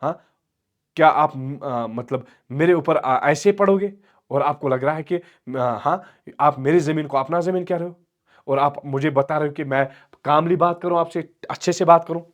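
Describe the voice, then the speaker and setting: A man voicing a nervous, touchy young landowner who shouts his grievances, acted out for a class. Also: on the high side, moderate pace, lightly acted. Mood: offended. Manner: shouting, aggrieved, excitable.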